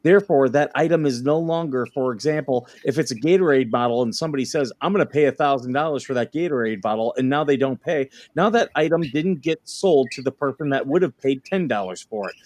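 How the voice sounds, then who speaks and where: A man's voice: on the high side, expressive, fairly quick, natural voice. A man playing a defensive, indignant plaintiff in a dramatic deposition reading, with hammy, sarcastic emphasis. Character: defensive, indignant male plaintiff under questioning.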